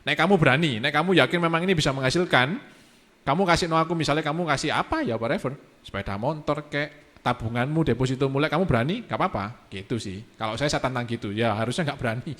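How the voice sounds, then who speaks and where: A man, speaking as a guest in a casual church youth talk, relaxed and mixing in English phrases. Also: a little high, fast talker.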